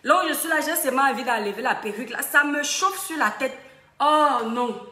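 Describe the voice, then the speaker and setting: A woman's voice: high voice, a little fast, bright, forceful tone. A woman hosting a casual live stream, greeting viewers by name and breaking into little bits of song. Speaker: livestream host. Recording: echoey room with music behind.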